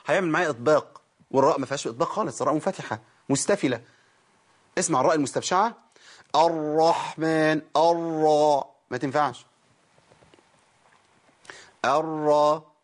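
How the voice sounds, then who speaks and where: Worn out yet talking quickly, a Quran recitation teacher with an Egyptian Arabic accent hosts a televised tajweed lesson. His husky voice is a little high. He breaks his explanations into steps, demonstrates sounds, and quizzes his listeners.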